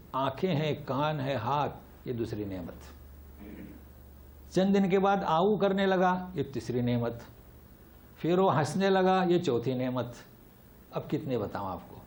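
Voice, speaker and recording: A middle-aged man giving a Quran commentary lesson, animated, rising and dropping sharply for emphasis, reciting Arabic slowly. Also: mid-range voice. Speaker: Quran teacher. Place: lecture hall.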